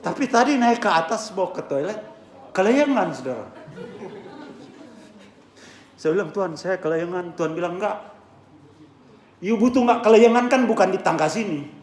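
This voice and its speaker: Hoarse, animated preacher man in an echoey church. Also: high voice, moderate pace, pauses often, a little hiss or hum. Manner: animated preaching, swings from hushed to shouting; mixes English phrases into his preaching. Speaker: pastor. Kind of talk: sermon.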